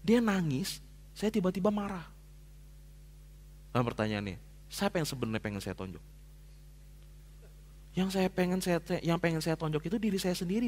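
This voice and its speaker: A man preaching a sermon as a pastor, telling a personal story in casual slang and swinging from hushed to loud. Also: high voice. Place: church hall. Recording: long hall reverb.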